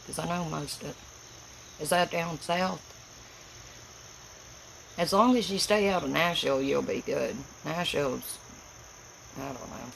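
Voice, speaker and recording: Gravelly appalachian tennessee woman rambling on a livestream, folksy and plain spoken, bit of background noise. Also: sits low, unhurried, long pauses, fairly bright tone, low-quality recording. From Tennessee, United States. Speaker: livestream host. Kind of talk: casual rambling livestream chat.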